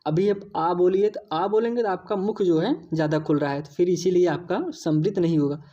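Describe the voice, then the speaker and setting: A woman's voice: fairly low pitch, fairly quick, warm tone, lo-fi sound. A woman teaching an exam-prep lesson, explaining patiently, repeating key points and addressing viewers as friends.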